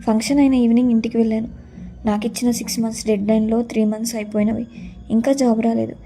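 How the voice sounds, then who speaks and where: A woman's voice: on the high side, flat delivery, fast, dark tone, faint music behind. A young woman narrating her own story in the first person, earnest and sorrowful.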